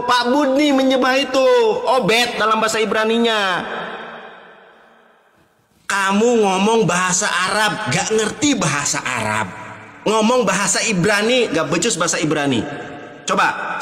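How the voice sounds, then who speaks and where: A man's voice: sits high, pushed and bright. Mocking man debater in an echoey room. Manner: mocking, taunting, insulting; recites Arabic phrases. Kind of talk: heated live online debate.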